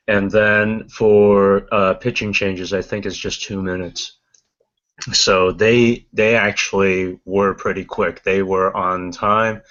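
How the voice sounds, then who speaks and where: A low-voiced man talks through a casual podcast chat, circling back with restarts and fillers. His tone is bright and forceful. The audio sounds dull and lo-fi. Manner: rambling, many restarts and fillers. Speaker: podcast co-host.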